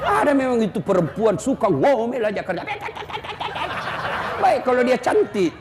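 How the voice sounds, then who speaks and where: High-voiced, teasing male preacher in a hall. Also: big pitch swings, normal speed. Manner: teasing, jokey preaching with direct address to the crowd. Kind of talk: comic sermon. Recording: echoey hall, faint hum.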